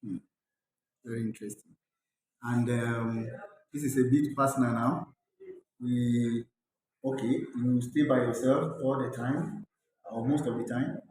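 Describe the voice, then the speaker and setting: A man hosting an interview, speaking formally with slow fillers. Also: medium pitch, steady tone, darkish tone. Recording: echoey room, distant mic, crowd noise.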